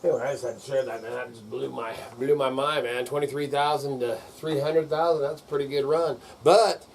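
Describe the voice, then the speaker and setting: A man's voice: mid-range voice, steady tone, fairly quick, a little hiss or hum. An older man with a rural American accent, ranting off the cuff in a rowdy, folksy redneck way, salty and full of man and dude. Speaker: vlogger. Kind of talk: casual off-the-cuff rant to camera.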